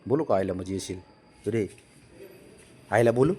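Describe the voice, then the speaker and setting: A man talking casually to his pet cat, coaxing, pleading and gently scolding it. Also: lowish voice, lively intonation, normal speed, husky. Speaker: pet owner.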